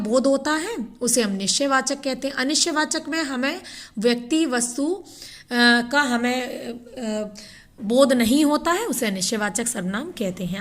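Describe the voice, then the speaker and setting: A woman teaching a grammar lesson to children, explaining slowly, addressing them directly and reading example sentences aloud. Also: on the high side, fairly bright tone.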